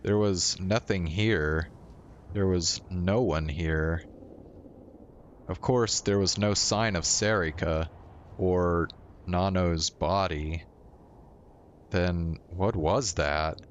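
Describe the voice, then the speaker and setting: Male streamer reading game narration; low, unhurried, faint hiss behind. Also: lo-fi sound. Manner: slow, even reading of narration. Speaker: streamer reading a visual novel aloud.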